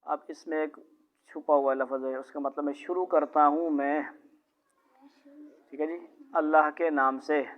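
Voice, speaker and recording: A woman with a Pakistani Urdu accent teaching a child Quran recitation, drilling syllables slowly and correcting pronunciation. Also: sits low, steady tone. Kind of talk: one-on-one recitation lesson. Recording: muffled lo-fi recording.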